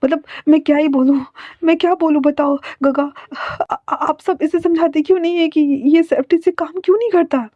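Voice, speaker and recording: A woman's voice: high-pitched, steady tone, moderate pace, no room sound, voice pushed up, lightly acted. Woman voicing a panicky young doctor guy. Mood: scolding. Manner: panicky, breathless scolding. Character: anxious young male doctor in love. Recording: dry, dull lo-fi sound.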